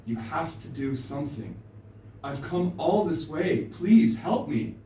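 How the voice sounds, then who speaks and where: A man's voice: medium pitch, sing-song, unhurried, mellow, slight background noise. A man voicing a tiny, desperate male crow, begging for help in an anxious, pleading way. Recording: roomy live stage, distant mic.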